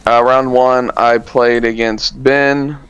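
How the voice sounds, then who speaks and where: Smooth-voiced man in relaxed podcast chat. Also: medium pitch, slow, dry recording, lo-fi sound. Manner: relaxed, rambling, many fillers and self-corrections. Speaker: podcast co-host. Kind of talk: casual chat recapping card tournaments.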